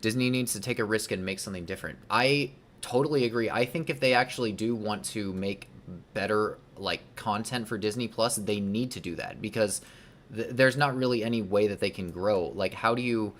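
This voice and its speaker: A man's voice: on the low side, a little fast, slight background noise. A young man hosting a casual livestream, rambling through opinions with many ums, likes and restarts. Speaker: livestream host.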